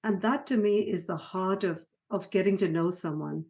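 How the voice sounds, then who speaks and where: A middle-aged woman from Sri Lanka, a psychiatrist guest on an interview, talking warmly with frequent laughs and restarts. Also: mid-range voice, normal speed. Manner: warm, laughing, many restarts. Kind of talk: conversational interview.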